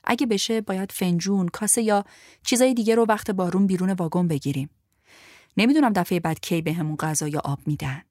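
A world-weary Frenchman, jaded and sarcastic, speaking flatly in a low voice, as a woman narrator puts him on. The read is close and dry, with no room sound. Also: no room sound, lightly acted. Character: weary, bitter shaven-headed Frenchman, a fellow prisoner. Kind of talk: audiobook character voice.

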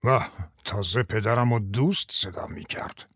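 Narrator voicing an elderly man, grieving, husky, deep-voiced, audiobook role. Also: a bit bright, no room sound, clean studio sound. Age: older. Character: elderly grieving male survivor, bitter and weary. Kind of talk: audiobook character voice.

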